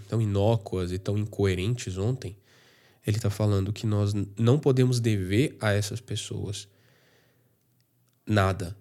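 Low-voiced man musing on scripture. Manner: relaxed, conversational, thinks aloud with fillers and slang. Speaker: Bible study presenter. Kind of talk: casual Bible reflection.

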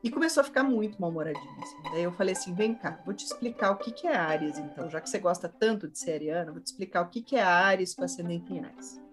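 A woman's voice: fairly low pitch, animated, fast, hardly any pauses, faint music behind. A woman co-hosting a casual chat, telling family stories with a playful, laughing manner. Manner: storytelling, playful, laughs often. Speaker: podcast co-host, mother.

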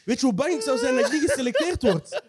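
A man's voice: very high voice, very animated, fast talker, background noise. A young man in a casual football chat, joking and spinning long comic bits.

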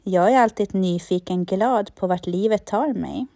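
A woman slowly and calmly leading a listener through spoken affirmations, pausing for them to repeat each line. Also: mid-range voice, dry recording, studio quality. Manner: slow, calm, repeats lines for the listener. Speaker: affirmation guide.

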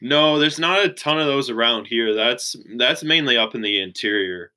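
Bright-voiced young man chatting casually. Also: medium pitch, normal speed, poor audio. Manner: relaxed, many "like" fillers. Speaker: interview guest. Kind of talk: casual chat.

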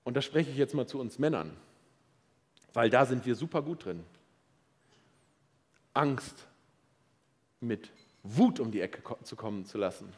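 Animated man preaching a sermon. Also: medium pitch, measured pace, long pauses, husky. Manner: lively, playful, addresses the audience directly.

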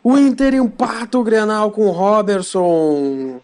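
A man doing explosive football goal commentary with drawn-out shouts. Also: sits high. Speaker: football talk show panelist. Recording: music behind the voice.

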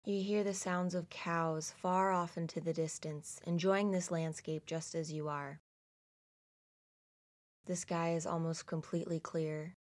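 A woman narrating a guided meditation slowly and soothingly, in a hushed delivery with long pauses. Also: on the low side, little pitch movement.

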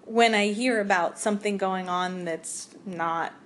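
A woman from Ohio co-hosts a podcast, chatting casually in a Midwestern American accent and laughing easily. Her voice is medium-pitched and a bit bright, her pace a little slow, with slight background noise.

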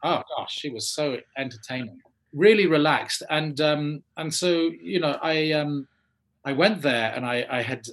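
An English man, an actor, telling a lively anecdote in a casual interview and acting out the other people's lines. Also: fairly high pitch, unhurried. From England. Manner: animated storyteller acting out quoted voices. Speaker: actor guest.

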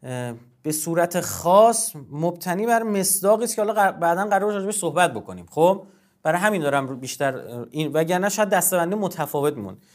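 A man's voice: high voice, animated. A man as guest scholar in a discussion of religion, lecturing in a formal, emphatic way and often repeating himself.

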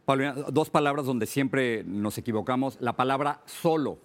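A man's voice: medium pitch, normal speed. Guy hosting an interview, asks questions straight up, chatty. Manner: direct, conversational questioning. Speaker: interview host.

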